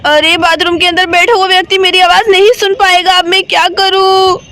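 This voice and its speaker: A woman's voice: very high-pitched, level tone, a little fast, a bit bright. A woman voicing a sick mother in a doll story, fretting anxiously and asking over and over what to do. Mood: panicked. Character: sick, tied-up mother, fretful and panicky.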